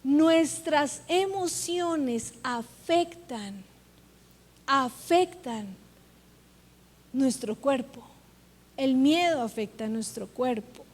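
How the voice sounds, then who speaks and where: A woman's voice: high-pitched, lively intonation, very slow, long pauses. A woman pastor preaching a sermon in a church, speaking earnestly and putting questions straight to her congregation. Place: church sanctuary. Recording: long church-hall reverb.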